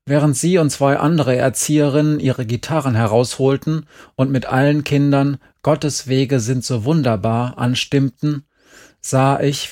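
Male narrator for a serialized story reading, dry and understated, mid-pitched. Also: darkish tone. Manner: dry understated first-person telling.

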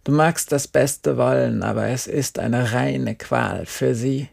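A man voicing a stubborn, weary old farmer in an audiobook, speaking in a slow, drawn-out grumble. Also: medium pitch, creaky, darkish tone, breathy edge, exaggerated voice. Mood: grumbling. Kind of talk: audiobook character voice.

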